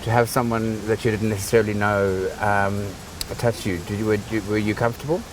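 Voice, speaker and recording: A man's voice: on the low side, level tone, brisk, recorded from a distance, background noise. Affectionate man hosting an interview. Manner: affectionate, hesitant with many ums. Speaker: interviewer host. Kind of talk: casual interview.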